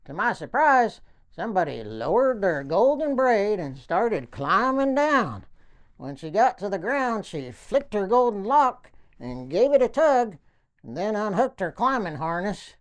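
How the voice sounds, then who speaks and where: A woman's voice: medium pitch, a little slow. A woman comedian telling silly jokes and short stories, jumping into acted quotes. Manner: lively storytelling with acted quotes.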